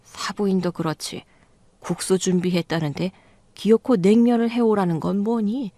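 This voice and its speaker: A woman's voice: medium pitch, steady tone, moderate pace, dark tone, no room sound, lightly acted. A woman voicing a huffy, scolding mother. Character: grumbling middle-aged mother, offended and sharp-tongued. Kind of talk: storytelling radio reading.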